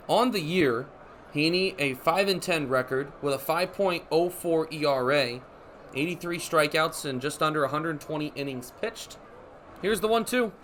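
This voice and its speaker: A man in his twenties calls baseball on the radio, giving descriptive, measured play-by-play that rises when the action picks up. His voice is on the high side and a bit bright, and clear ambient noise sits in the background.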